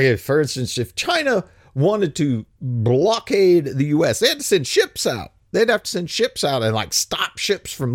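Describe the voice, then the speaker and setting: A man's voice: on the high side, vocal fry, dry recording, clean studio sound. A man giving a rambling, sarcastic political monologue as the show's host, chuckling to himself and drifting between points. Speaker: political commentator.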